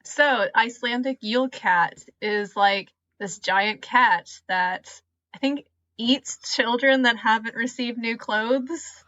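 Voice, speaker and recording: Bright-voiced woman podcast co-host. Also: fairly high pitch, slow pace, lo-fi sound. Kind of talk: casual chat.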